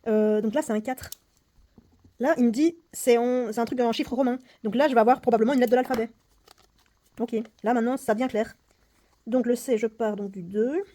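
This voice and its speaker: Mellow-voiced woman muttering puzzles. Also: on the high side, brisk. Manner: mutters numbers to herself, often dropping to a whisper; self-mocking, thinking aloud. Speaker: board game vlogger. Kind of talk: casual puzzle-solving vlog.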